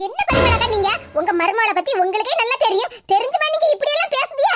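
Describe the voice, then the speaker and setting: A woman voicing a bold, sharp-tongued neighbor woman in a cartoon, chatty and outspoken, with a Tirunelveli Tamil accent. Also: very high-pitched, animated, fast talker, faint music behind. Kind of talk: cartoon voice acting.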